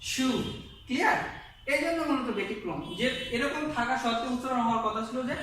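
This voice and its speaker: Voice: mid-range voice, animated, a bit bright. Teacher drilling syllables in an echoey room. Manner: drills pronunciation with slow repetition and checks for understanding. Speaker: Japanese teacher. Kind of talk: online language lesson. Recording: very echoey room, distant mic, faint noise.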